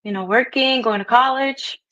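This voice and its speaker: Her voice sits a little high and fairly bright, at a normal pace, as this chatty Brooklyn woman of Dominican heritage tells her life story in an interview. A New York accent with a hint of Spanish, easy laughter, and lots of fillers come through dry, dull lo-fi video call audio.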